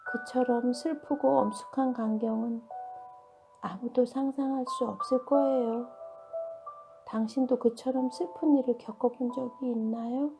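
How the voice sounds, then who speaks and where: A woman's voice: high-pitched, warm tone. A woman doing a mournful old dragonfly. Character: grieving elder male dragonfly storyteller. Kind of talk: bedtime storybook reading.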